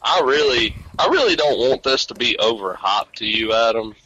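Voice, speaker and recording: Man, podcast co-host, emphatic, bright tone, dull lo-fi mic, dry. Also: medium pitch, animated, moderate pace, slightly rough, no room sound. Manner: emphatic, repeats himself. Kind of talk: casual chat.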